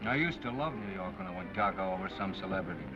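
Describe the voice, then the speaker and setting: A man's voice: low voice, lively intonation, fast talker. An American actor playing a cynical newspaperman, trading dry, flippant screwball comedy banter in a 1930s film. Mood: sardonic. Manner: dry, sardonic, flippant wordplay. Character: wry, cynical big-city newspaperman. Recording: dull 1930s film soundtrack, music behind.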